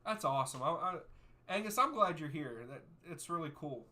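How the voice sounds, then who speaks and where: Male streamer in his thirties, bright and punchy tone, casual back-and-forth with live chat. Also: a little high, lively intonation, moderate pace. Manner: easygoing, reads out chat names and answers at length. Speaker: streamer hosting a soccer watchalong. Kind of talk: live-stream chat, answering viewer questions.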